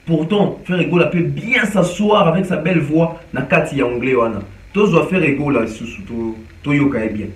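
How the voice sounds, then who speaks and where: A man's voice: on the high side, moderate pace, hardly any pauses. A man from DR Congo, giving casual commentary on music news and mixing in Lingala with many hesitations. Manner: mixes French and Lingala, animated with frequent hesitations. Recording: echoey room, distant from mic.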